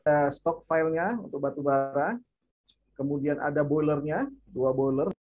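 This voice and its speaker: Guy lecturing on a video call, kinda high voice, lots of eh and repeats. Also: moderate pace, phone-quality sound. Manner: explanatory, lists parts with many fillers and repeats. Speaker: university lecturer. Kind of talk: online lecture. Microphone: computer mic on a video call.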